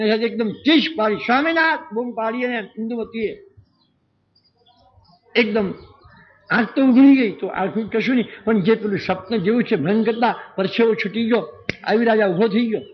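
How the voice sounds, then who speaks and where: A man telling a devotional story as a sermon, dramatic and speaking straight to his listeners. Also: extremely high pitch. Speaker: religious storyteller. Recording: dull lo-fi recording with faint birdsong.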